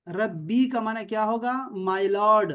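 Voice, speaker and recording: A man's voice: sits high, fairly bright tone, lo-fi sound. A man from Pakistan teaching Arabic in an online class, explaining patiently, repeating words and checking that his students follow.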